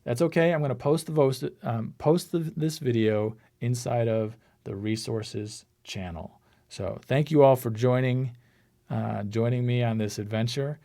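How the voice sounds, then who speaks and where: A man's voice: medium pitch, unhurried, dark tone. A man teaching a live online class over a video call, casually talking through each click on his screen. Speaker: course instructor. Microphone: computer mic on a video call.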